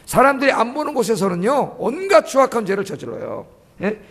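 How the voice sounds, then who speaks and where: Brief: male pastor, emphatic sermon delivery with rhetorical questions, high-pitched voice, reverberant sanctuary. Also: big pitch swings, a little fast, vocal fry, a bit bright. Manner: emphatic, asks the congregation questions and answers them. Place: church sanctuary. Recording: echoey church hall.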